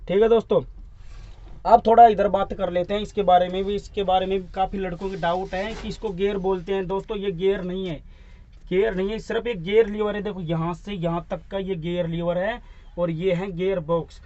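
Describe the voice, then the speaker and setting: A man's voice: sits high, steady tone, a little fast, dark tone, highs cut off. A man acting as a driving instructor, giving a hands-on demonstration inside a truck cab, explaining each part step by step and repeating the terms for his viewers.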